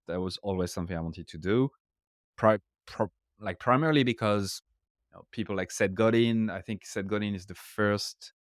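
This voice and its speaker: On a podcast, a French author with a French accent talks casually in interview style, explaining ideas in English that isn't his first language and often checking in with "right?". His male voice is fairly low, recorded with studio quality and no room sound.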